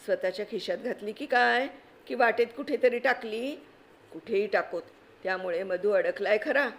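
A woman giving an expressive, vivid reading of a story aloud. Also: mid-range voice, moderate pace. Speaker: story reader.

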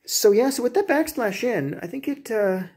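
A man's voice: very high-pitched, expressive, moderate pace, darkish tone, slightly rough. A man in his thirties giving a casual, rambling home tour vlog on a handheld phone in his kitchen, with many fillers and restarts. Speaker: homeowner vlogger. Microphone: phone camera, handheld selfie then walking.

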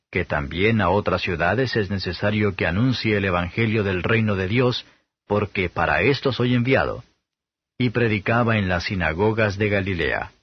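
Man, low voice, husky, steady measured scripture reading, dry dull lo-fi sound. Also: no room sound. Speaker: audiobook narrator. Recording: dull, slightly lo-fi dry recording.

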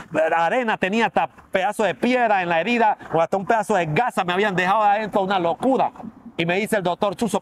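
A man's voice: sits high, slight background noise. A man giving a dramatic personal testimony, acting out the voices in his story with animation.

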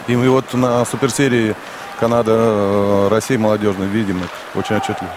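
A man's voice: lowish voice, little pitch movement, a little fast. A man giving conversational analysis as co-commentator on a live ice hockey broadcast. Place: ice arena, broadcast commentary over crowd. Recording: loud crowd and arena noise.

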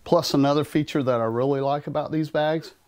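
A man in his thirties giving a relaxed, plain-spoken demonstration of camping gear while handling it in a carpeted room at home. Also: on the high side, a little fast. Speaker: gear reviewer. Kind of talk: casual product demonstration. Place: carpeted room in a house, indoors.

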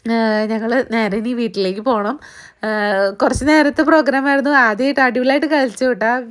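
A young woman narrating her daily vlog in a chatty way, her voice partly gone and hoarse. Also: fairly high pitch. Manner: chatty, fills with "appo" and "kettō". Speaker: vlogger.

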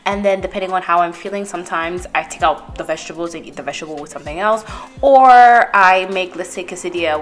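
A woman talks through her meal prep in a loose, chatty voice-over that sits a little low in pitch. She restarts her sentences and drifts off topic. Soft music plays faintly underneath. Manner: chatty, self-correcting, light laughs. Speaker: cooking vlogger. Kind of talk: casual cooking voice-over.

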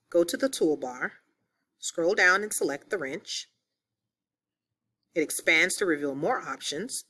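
A woman teacher with a voice that sits low gives clear step-by-step instructions, voicing over a screen-recorded software tutorial.

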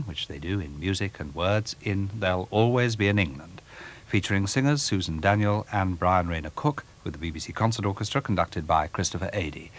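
A man giving a formal, measured TV continuity announcement, heard from a worn old VHS tape copy. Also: sits low. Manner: measured, polite, formal delivery. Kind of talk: formal scripted broadcast announcement. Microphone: studio announcer microphone.

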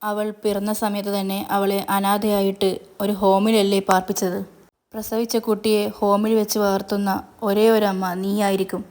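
A woman's voice: medium pitch, little pitch movement, unhurried, darkish tone, lightly acted. A woman voicing a smug, taunting man in a spoken serial recap.

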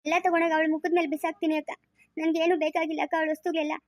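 A woman's voice: very high voice, little pitch movement, rapid-fire, no room sound, clean studio sound. A woman playing a grieving young village woman who has lost her family, pleading and sobbing in a family moral drama. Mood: bitter.

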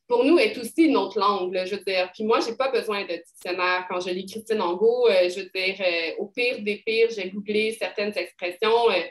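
A woman's voice: mid-range voice, moderate pace, hardly any pauses. Québécois woman in her thirties, loose conversational answers, recorded in a reverberant room. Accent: Québécois French. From Quebec. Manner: rambling, many fillers and restarts. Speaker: poet, interview guest. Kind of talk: casual interview talk.

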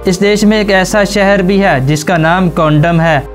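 A man narrating a scripted facts video, addressing viewers as friends in a brisk voice-over. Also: sits high. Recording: faint music under voice-over. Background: background music.

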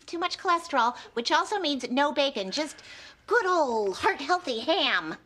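Chirpy fussing mom. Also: female voice, high-pitched, lively intonation, moderate pace. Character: fussy cheerful middle-aged mother. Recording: noisy sitcom TV audio.

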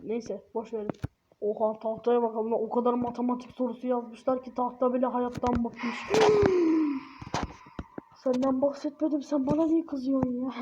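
A woman's voice: fairly high pitch, level tone, normal speed, dark tone. A woman giving joking, jumpy let's-play commentary, swearing often and dropping into whispers. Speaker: gamer. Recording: dull, noisy home mic.

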